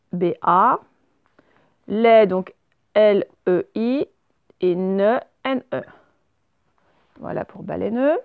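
Patient woman teacher spelling slowly. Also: on the high side, dry recording. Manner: slow, patient, spells words out letter by letter. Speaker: primary school teacher. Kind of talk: recorded remote spelling lesson.

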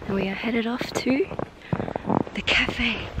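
A woman narrating her vlog in a relaxed, chatty way as she walks to a cafe. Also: a little high, slow pace, heavy background noise. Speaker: vlogger.

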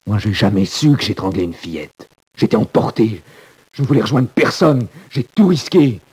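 A hardened convict in an old radio drama, with a very low, dark and husky voice. He speaks gravely and bitterly, brooding on his fate. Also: sing-song, normal speed, no echo, full character voice. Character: hardened male convict, proud and weary. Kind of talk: 1940s radio drama acting.

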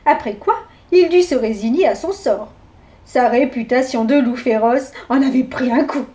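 A woman reading a fairy tale aloud to children in a lively, expressive way. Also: high-pitched, moderate pace. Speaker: storyteller for children.

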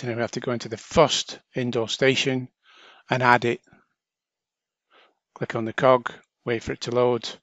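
In this lo-fi, echo-free recording, a man with a mid-pitched voice narrates a casual software setup tutorial as a training instructor. He stays informal and chatty, walking through every action step by step, and the sound is dry.

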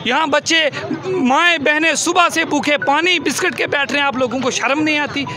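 A man's voice: very high voice, a little fast. A young man giving an impassioned, pleading protest speech to a reporter outdoors, repeating himself for emphasis, with a crowd and traffic around him. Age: young adult. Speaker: protest spokesman. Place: outdoor protest tent by a busy road. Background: crowd and passing traffic.

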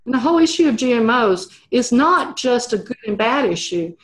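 A middle-aged woman speaks in a slightly high voice, thinking aloud as she talks through an interview. She stops to restart her sentences, fills pauses with small hesitations, and laughs easily. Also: very animated. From United States. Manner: thoughtful, many fillers and restarts, laughs easily. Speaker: program evaluation professor, interview guest. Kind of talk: conversational interview.

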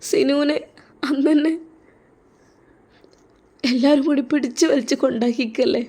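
A woman voicing a frightened young married woman who is crying, pleading softly and brokenly in a Malappuram Malayalam accent, in an audio drama. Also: high-pitched, steady tone, normal speed, voice pushed up, close to an everyday voice. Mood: tearful. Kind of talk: audio drama role-play.

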